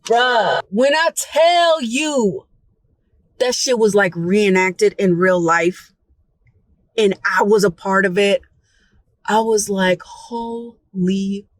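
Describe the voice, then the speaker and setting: A young storytime vlogger in Florida tells a casual, profane story from her own life, animatedly acting out what people said with gasps and whispers. Her mid-range voice moves slowly with frequent pauses, and the audio quality is poor.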